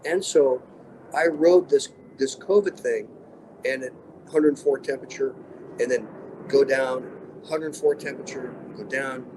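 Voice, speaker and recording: A man's voice: mid-range voice, fairly even intonation, measured pace, noisy background. A man in his sixties, an extreme athlete and interview guest, telling motivational stories in short, punchy, emphatic statements. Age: 60s. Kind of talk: motivational storytelling.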